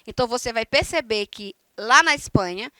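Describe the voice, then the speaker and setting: A woman's voice: fairly high pitch, animated, normal speed, pushed and bright, smooth, no room sound. A woman from Brazil teaching a recorded online lesson, explaining step by step and often checking in with her students. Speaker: Spanish teacher.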